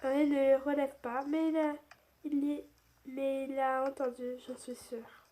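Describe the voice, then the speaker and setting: A woman's voice: sits high, little pitch movement, a little slow, mellow. A woman reading a first-person story aloud, chatty, with restarts and asides.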